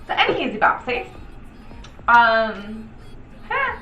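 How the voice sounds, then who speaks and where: A woman's voice: a little high, big pitch swings, slow, sharp tone, highs cut off, a little hiss or hum. An American woman chatting casually as a tipsy review host, rambling and opinionated, with theatrical exclamations and swearing. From Baltimore area, United States. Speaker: drunk review show host. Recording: echoey room, distant mic, background music.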